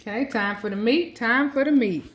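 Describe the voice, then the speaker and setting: Her fairly high voice moves at a moderate pace as she chats with viewers during a casual cooking session. She's a cooking vlogger shooting at home on a phone she holds in one hand. The kitchen is noisy, with a pan sizzling.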